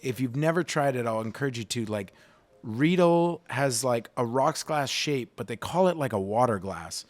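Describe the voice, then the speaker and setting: A man hosting a podcast, talking in a relaxed, chatty way full of fillers. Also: medium pitch, normal speed, dry recording. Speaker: podcast host. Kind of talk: casual podcast interview.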